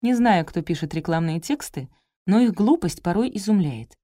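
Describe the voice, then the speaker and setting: A woman narrating a detective audiobook in the first person, measured and dryly ironic. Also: fairly low pitch, expressive, mellow, no room sound, clean studio sound.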